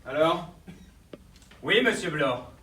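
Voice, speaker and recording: A man's voice: fairly high pitch, animated, slow, pushed and bright, exaggerated voice. An actor playing a sardonic, emphatic man in a stage mystery play. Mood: grave, deducing. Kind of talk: theatrical stage play acting. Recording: echoey hall from far off, faint noise.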